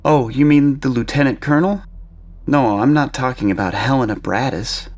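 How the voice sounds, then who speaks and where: A man voicing a brisk, sharp-tongued female military doctor in a storybook narration. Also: mid-range voice, steady tone, pitched above the performer's own voice, close to an everyday voice. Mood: disdainful. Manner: scolding, blunt.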